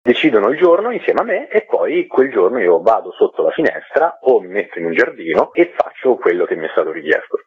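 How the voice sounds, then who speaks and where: Over a tinny, narrow-band phone line into a radio show, this guest actor explains things conversationally and repeats words for emphasis. His fairly low voice, breathy at the edge, is very animated and a little fast, with hardly any pauses and no room sound.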